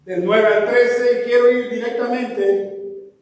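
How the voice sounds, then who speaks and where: A male pastor with a strikingly high voice delivers an impassioned sermon, talking straight to his congregation and climbing into shouts. He sounds like he is in a large church hall, with echo and a long reverb trailing each phrase. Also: little pitch movement, takes it slowly. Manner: impassioned preaching, rises to shouts, addresses the congregation directly.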